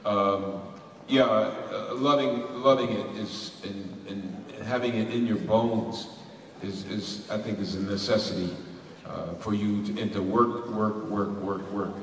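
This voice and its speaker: A man's voice: lowish voice, fairly even intonation, a little slow, recorded from a distance, slight background noise. Rambling man in an echoey hall. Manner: rambling, laughing, many restarts. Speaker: voice actor panelist. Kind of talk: convention panel Q&A. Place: large convention hall. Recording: echoey hall recorded from afar.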